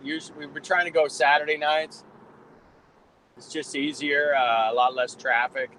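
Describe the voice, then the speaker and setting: A man's voice: a little high, level tone, normal speed, bright, forceful tone, a little hiss or hum, poor audio. A man chatting casually on a call from a moving car, his call breaking up and dropping out as he rambles in a laid-back way. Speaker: guest calling in. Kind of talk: casual chat.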